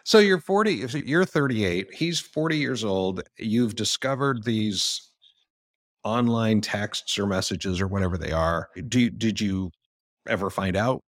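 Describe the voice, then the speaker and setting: A man hosting a podcast interview, asking quick, probing questions. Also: on the low side, animated, dry recording, studio quality. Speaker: podcast host. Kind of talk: conversational interview.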